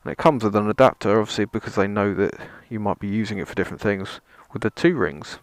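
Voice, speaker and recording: Low-voiced man vlogging casually. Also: fast, no echo. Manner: rambling, self-deprecating, dry sarcasm, mild swearing. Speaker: motovlogger, presenter. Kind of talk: casual vlog gear demonstration.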